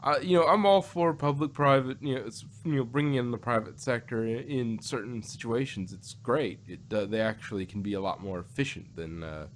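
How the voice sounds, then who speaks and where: Talking fairly quickly with few pauses, a man with a mid-range voice co-hosts a review show on audio dramas. The discussion is casual, he rambles and repeats himself, and there's noticeable background noise.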